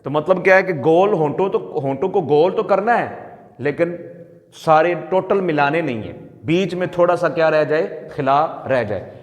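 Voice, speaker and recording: A male recitation teacher who repeats his points, quizzes his students and stretches out sounds slowly to demonstrate them. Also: fairly high pitch, animated. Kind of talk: teaching lesson. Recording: echoey room with long reverb.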